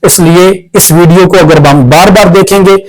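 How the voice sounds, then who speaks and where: A fairly high-voiced man with a Pakistani Urdu accent, teaching Quran recitation step by step. He spells out letters and vowel marks, stretches the sounds out slowly, then explains each rule in a quick, matter-of-fact way. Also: steady tone, low-quality recording. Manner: slow drawn-out syllables when reciting, brisk when explaining.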